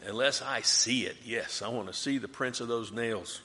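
A man leading a group Bible study, teaching and asking the group questions in an animated way. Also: mid-range voice, normal speed. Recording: reverberant room.

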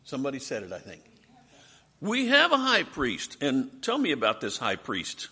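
A man leads a Bible study with a forceful, bright voice that swings widely in pitch. He teaches in an animated way and keeps throwing questions to the group. There is a husky edge to his tone. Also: normal speed. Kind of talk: interactive Bible class teaching.

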